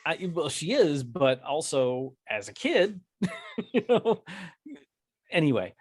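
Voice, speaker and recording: A man's voice: fairly high pitch, sing-song, slow, dry recording. A man co-hosting a casual chat about movies, rambling with many restarts. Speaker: podcast co-host.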